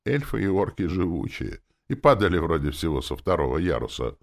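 A man reading a first-person fantasy audiobook with expressive delivery. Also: sits low, a little fast, creaky. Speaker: audiobook narrator.

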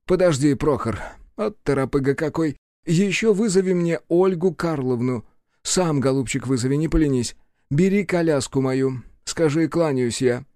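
A man's voice: fairly high pitch, moderate pace, a little mellow, no room sound, studio quality, voice pushed up, lightly acted. A man voicing a fussy, ceremonious middle-aged town official who talks politely and pleads. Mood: fussy, pleading.

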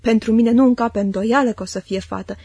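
Woman doing a bossy old-maid aunt for an audiobook, clipped commands, husky, higher pitch. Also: fairly even intonation, warm tone, dry recording, clean studio sound. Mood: brusque, commanding. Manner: brusque, commanding, measured. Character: stern imperious elderly spinster aunt. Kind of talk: audiobook reading.

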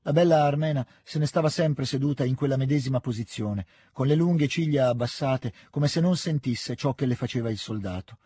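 A man giving a measured, even audiobook reading of a literary novel into a close studio mic. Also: medium pitch, husky, no echo. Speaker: audiobook reader. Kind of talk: scripted literary narration.

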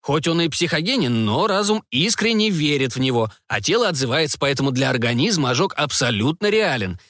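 A man's voice: on the high side, very animated, fairly bright tone, no room sound, clean studio sound. A man voicing a fussy, hesitant male scientist who keeps humming "m" mid-sentence in an audiobook. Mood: lecturing. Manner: halting, hums "m" mid-sentence. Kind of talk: audiobook character voice.

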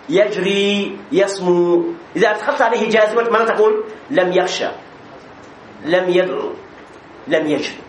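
A high-pitched man teaching a grammar class, explaining patiently step by step and pausing to ask if the students follow. His voice rings in an echoey room with faint background hum.

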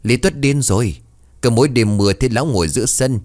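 A man's voice: mid-range voice, fast talker, darkish tone, close to an everyday voice. A man voicing a villager passing on gossip in a story.

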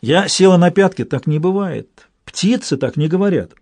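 A man reading a story aloud in measured, scripted narration. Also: sits high, animated, darkish tone, no echo. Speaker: audiobook reader.

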